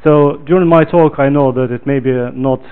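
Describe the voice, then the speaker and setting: A man from Ukraine gives a relaxed technical talk at a meetup, pausing often on fillers. His voice is smooth and clear, but the audio sounds thin and phone-like. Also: medium pitch. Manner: relaxed, filler-heavy, loud when projecting to the room. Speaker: meetup speaker.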